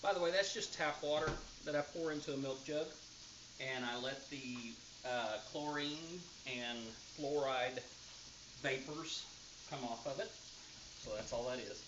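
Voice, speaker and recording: A woman's voice: rumbling low, measured pace, background noise. A woman hosting a casual cooking livestream from her home kitchen, chatting to herself and her viewers in a playful way. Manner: talks to self and viewers, playfully animated. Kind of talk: casual chat while cooking live. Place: home kitchen with frying food. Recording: muffled, roomy, loud frying sizzle.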